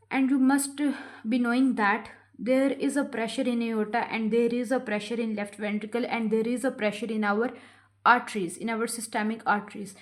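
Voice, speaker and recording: A young woman giving a medical lecture, mixing in English terms and checking in often with listeners. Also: on the high side. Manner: explanatory, frequent "theek hai" check-ins, slows for English terms. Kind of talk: explaining lecture, Hindi-English code-switching.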